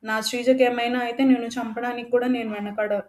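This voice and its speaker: A woman's voice: fairly high pitch, level tone, a little fast, a little mellow, lightly acted. A woman voicing a cruel, manipulative middle-aged mother who speaks coldly and threatens. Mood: threatening. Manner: cold, threatening.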